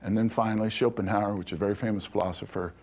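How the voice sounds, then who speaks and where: Racing along in a fairly low, steady, slightly mellow voice, a lecturer on ancient Egyptian spirituality addresses a hall audience informally. He keeps checking in with "okay?" after his points, in a conversational manner.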